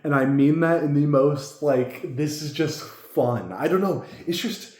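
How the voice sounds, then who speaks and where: In an echoey room, an amateur film reviewer talks drunkenly about a movie, rambling and emphatic, swearing and going over the same points again. His voice sits on the high side, a little mellow, at a measured pace.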